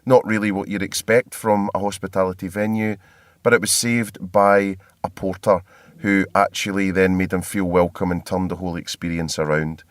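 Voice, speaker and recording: A Scottish-accented man hosts a marketing podcast from a hotel, chatting casually, poking fun at himself, and laughing often. His voice sits low with a level tone and moderate pace, and the recording is dry.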